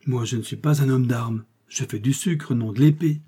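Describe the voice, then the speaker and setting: A man's voice: mid-range voice, moderate pace, dark tone, husky, lightly acted. A man voicing a flustered, naive businessman. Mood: panicked. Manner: pleading, anxious and protesting. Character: naive, flustered middle-aged male sugar maker. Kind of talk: audiobook character reading.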